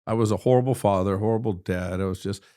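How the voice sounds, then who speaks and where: His voice is lowish, dark, clear, and resonant, and he talks fast. He's a Texas state representative in his sixties, a podcast guest telling a personal story with earnest vividness, repeatedly restarting sentences.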